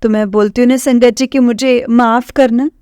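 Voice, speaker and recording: A woman's voice: on the high side, fairly even intonation, normal speed, mellow, dry recording, clean studio sound. A woman from Punjab with a Punjabi accent, earnestly and emotionally sharing her devotional testimony with the congregation, repeating her phrases. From Punjab, India.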